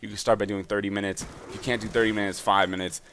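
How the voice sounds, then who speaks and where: Young man, low voice, rapid casual gaming voice-over commentary. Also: slight background noise. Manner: fast, energetic and chatty. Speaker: gaming YouTuber giving fitness advice.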